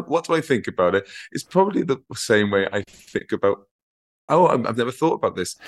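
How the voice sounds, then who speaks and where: A man with a Welsh Valleys accent chatting casually as a comic interview guest, telling jokey, self-deprecating anecdotes. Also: mid-range voice. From South Wales Valleys. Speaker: comedian guest.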